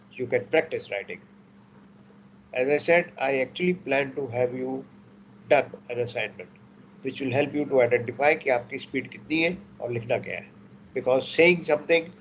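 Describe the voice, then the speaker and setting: A man's voice: mid-range voice, highs cut off, a little hiss or hum. A man teaching an online class for merchant navy exams, mixing Hindi and English and repeating key points for emphasis. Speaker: merchant navy exam instructor.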